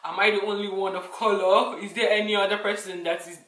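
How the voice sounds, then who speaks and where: Casting: young Nigerian-accented woman, bright forceful voice, casual Q&A vlog chat, roomy echo. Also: mid-range voice, steady tone, fairly quick, distant mic. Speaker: vlogger. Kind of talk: casual chat to camera, answering questions.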